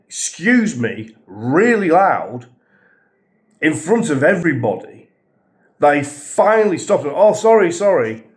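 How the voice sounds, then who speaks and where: A man vlogging a holiday review, ranting with exasperation, swearing and sarcasm. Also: a little high. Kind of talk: angry ranting travel diary.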